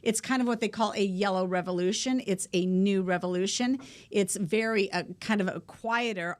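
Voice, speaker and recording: A woman's voice: medium pitch, no room sound. A woman hosting a studio interview show, assertive and steering the talk with interjections. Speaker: show host.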